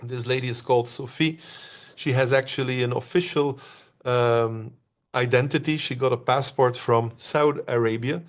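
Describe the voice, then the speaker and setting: A man from Belgium presents to an online audience at an everyday mid pitch. He talks loosely, filling pauses with "uh" and putting questions to his listeners. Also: fairly even intonation. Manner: conversational, many "uh" pauses, asks the audience questions.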